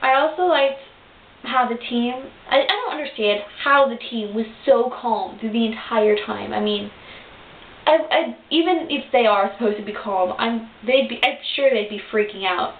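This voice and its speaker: A woman's voice: a little high, animated, moderate pace. A young woman gushing about a cartoon episode in a casual fan review, with lots of fillers and restarts. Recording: tinny lo-fi webcam audio in an echoey room with hiss.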